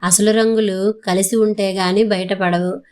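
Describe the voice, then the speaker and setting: A woman narrating a story in a steady, scripted audiobook reading. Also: mid-range voice, a little slow.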